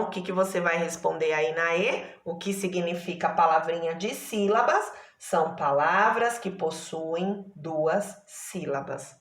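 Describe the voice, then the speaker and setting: A woman's voice: on the low side, fairly bright tone, reverberant. A Brazilian woman teacher giving a primary school lesson, patient, stretching out syllables and checking in often. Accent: Brazilian Portuguese. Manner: patient, slow, drawn-out syllables with frequent checks.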